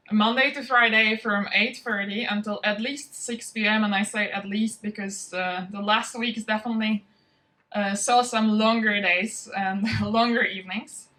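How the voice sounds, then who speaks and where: A woman with a bright voice speaks to a room full of people while she hosts a demo day. Her talk is relaxed and informal and full of ums. She is miked from some distance, so she sounds slightly far off. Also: a little high. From from outside Norway. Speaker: bootcamp founder hosting a demo day. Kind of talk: event welcome speech. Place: event venue, spoken to a live audience.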